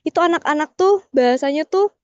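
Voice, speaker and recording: Soft-spoken woman on a call. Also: high voice, quick pace, dry recording, highs cut off. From Yogyakarta. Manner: soft-spoken, polite, hesitant with fillers. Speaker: student. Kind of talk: class discussion on a video call. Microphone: video call.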